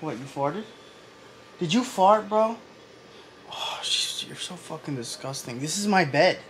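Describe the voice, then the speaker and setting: In his home kitchen and bedroom, a man in his thirties vlogs about family life, teasing, rambling and swearing often into a handheld camera at arm's length. His voice sits on the high side, animated and a bit bright, at a measured pace, with noisy home-camera audio.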